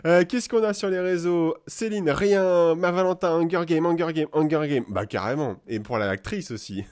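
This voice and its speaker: Brief: French male host of a live chat, playful, chatty, a touch higher voice. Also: normal speed, smooth. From France. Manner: lively, playful, laughs often. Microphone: live video call.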